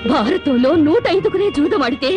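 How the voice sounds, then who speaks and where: An actress playing a proud, heartbroken young wife, delivering sarcastic, scolding melodrama dialogue in a film scene. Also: female voice, high-pitched, expressive, fairly quick, over music. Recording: film soundtrack with background score.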